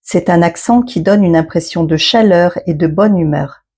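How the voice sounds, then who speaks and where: A woman presents a scripted language lesson as a teacher and podcast host. Her voice is fairly low and very mellow, with a husky grain. She phrases things didactically for learners. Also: normal speed. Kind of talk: scripted educational narration.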